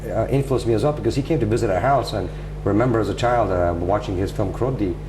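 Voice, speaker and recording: A man's voice: on the low side, fast. A man with a Toronto Canadian accent telling his story casually and a little hesitantly as an interview guest. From Toronto, Canada, from age ten, born in England. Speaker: interview guest, music video director. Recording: loud background noise with hum.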